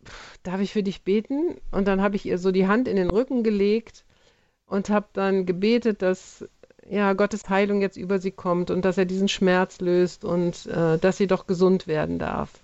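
A woman's voice: medium pitch, fairly even intonation, normal speed, a little mellow, dry recording. Middle-aged woman doc sharing faith stories, lots of ums, dull muffled dry sound. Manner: earnest storytelling with many fillers. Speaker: interview guest, physician. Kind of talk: personal faith testimony.

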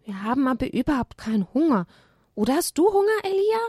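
A woman's voice: high-pitched, very animated, a little fast, darkish tone, no echo, studio quality, voice pushed up. A woman voicing an impatient young male donkey foal who begs and pleads. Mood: eager. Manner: pleading, breathless begging.

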